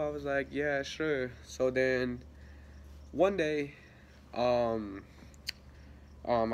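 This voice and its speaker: A slightly sick teenage vlogger tells a loose, rambling story marked by soft laughter, frequent fillers and false starts. His voice sits at medium pitch against slight background noise.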